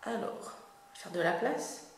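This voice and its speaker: A woman's voice: medium pitch, expressive, takes it slowly, slight background noise. A young woman giving a casual makeup review as a beauty vlogger, chatty and hesitant with many fillers. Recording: very echoey room.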